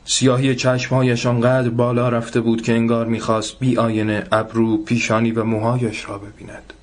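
A man narrating a literary short story in a measured, even reading voice. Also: medium pitch.

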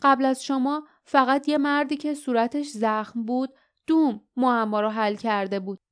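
A woman's voice: sits high, fairly even intonation, clean tone, no echo, studio quality, natural voice. Woman voicing a stiff, humbled village leader. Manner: stiff, then softly remorseful.

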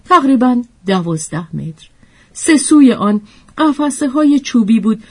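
A woman reading a literary story aloud as narrator, in a gentle, expressive manner. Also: mid-range voice, breathy edge.

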